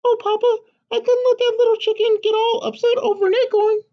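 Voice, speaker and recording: Squeaky, excitable little girl chicken. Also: fairly quick, dull audio. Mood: apologetic, pleading. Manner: squeaky, exclaiming, childlike. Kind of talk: animated storybook read-aloud.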